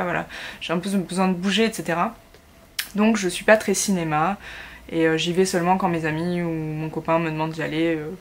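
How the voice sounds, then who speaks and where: A woman in her twenties from France, talking casually to camera for her vlog, chatty, with many fillers and restarts. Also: on the low side. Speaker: YouTuber. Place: at home in Korea.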